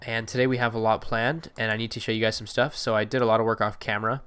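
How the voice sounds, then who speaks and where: Commenting loosely on a city-building game, a man who makes gameplay videos rambles along with plenty of fillers and corrections of himself. Allergies leave his voice a little stuffed up. He speaks fast in a rather low, clean, slightly bright voice with a level tone.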